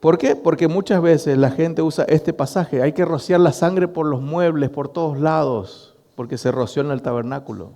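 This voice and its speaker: In a church hall, a middle-aged male pastor with a voice on the high side preaches at a moderate pace with hardly any pauses. He animatedly tells a story, addressing his congregation as brothers, and the recording carries the hall's long reverb.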